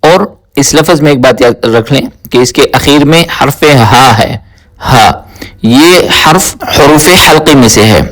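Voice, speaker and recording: A man teaching tajweed word by word, slowly explaining rules and repeating each word several times in a chanted recitation. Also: mid-range voice, a bit bright. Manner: spoken explanation alternating with melodic chanted recitation. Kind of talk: word-by-word tajweed pronunciation lesson.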